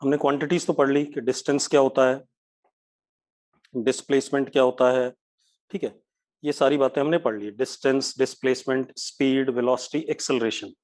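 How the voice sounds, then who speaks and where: A man teaching physics in a live online class, talking briskly in a mix of Hindi and English terms and scolding students by name. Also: medium pitch, fairly even intonation, darkish tone.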